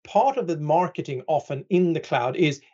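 Dry-humored man, mellow dull-sounding audio. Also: a little high, animated, moderate pace, breathy edge. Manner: dry sarcastic humor, frequent "right?" tags. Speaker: guest expert, IT trainer. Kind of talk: conversational podcast interview.

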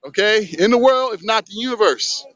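The dull, lo-fi audio comes from a handheld phone camera as a middle-aged man vlogs casually on a sunny beach. He talks fairly quickly in a high-pitched, somewhat bright voice, sounding loose, hyped and streetwise.

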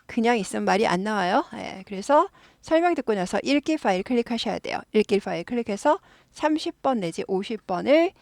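A woman, a native Korean speaker, explains an English dialogue as a lively teacher who repeats phrases for drilling. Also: on the high side, a little fast, gravelly, dry recording, clean studio sound.

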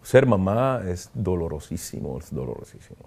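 A man, a priest giving an emotional interview, speaking earnestly and haltingly, often pausing to reflect. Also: low voice, sing-song, a little mellow. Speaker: priest, kidnapping survivor interviewee.

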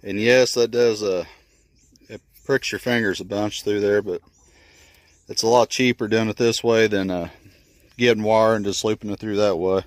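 A plain-spoken, folksy man in his thirties talks casually while building a chicken run, filming on a handheld phone in a wooded yard near the coop. The homesteader's voice is on the low side with fairly even intonation and normal speed, with no room sound, in this casual how-to vlog.

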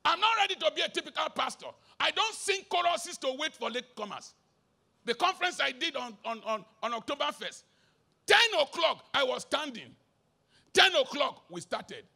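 A Nigerian man preaching with a very high, bright, sharp voice and a gravelly edge. His delivery leaps from shouts to low mutters, with pidgin mixed in. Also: big pitch swings, normal speed. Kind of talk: sermon. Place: live concert stage.

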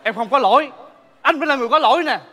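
A man's voice: very high-pitched, expressive, fast, full character voice. A man playing a remorseful ex-husband in a stage comedy sketch, pleading melodramatically. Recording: live stage with loud audience and music.

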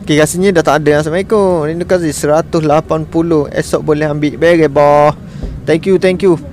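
A man's voice: on the high side, fairly even intonation, brisk, darkish tone, a little hiss or hum. A man with a Malaysian Malay accent giving casual, exasperated commentary while streaming a management game and talking to his viewers.

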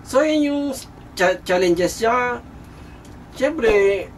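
A young man who works in a cruise ship kitchen, answering interview questions casually and hesitantly, searching for words with many pauses and fillers. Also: very high-pitched, expressive. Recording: distant mic with faint background noise.

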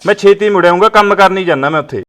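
A man's voice: high voice, a bit bright. A man with a Punjabi accent playing a young man leaving home for work abroad, reassuring his mother and grandmother. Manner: reassuring, quick.

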